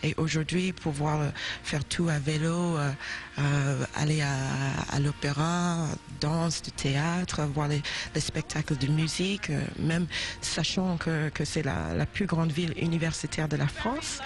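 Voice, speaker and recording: This deep-voiced woman speaks a little slowly over soft background music. A singer from South Carolina with an American accent and English as her first language, she answers interview questions in French, thoughtful and hesitant, often restarting and using fillers.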